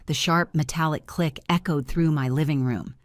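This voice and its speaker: A woman with a very low voice narrates a first-person drama story in a steady, even manner. The sound is dry and close, with no room echo. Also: moderate pace.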